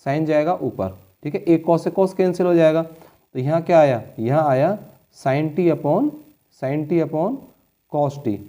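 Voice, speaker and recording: A man's voice: fairly high pitch, takes it slowly, dark tone. A man teaching a board-exam maths lesson, explaining each step patiently and checking in with his students often. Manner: addresses students as children.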